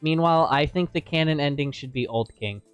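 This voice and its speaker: Tired male streamer, smooth voice. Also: a little high, fairly quick, dry recording, soft background music. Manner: rambling, hesitant, repeats words. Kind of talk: casual chat while gaming.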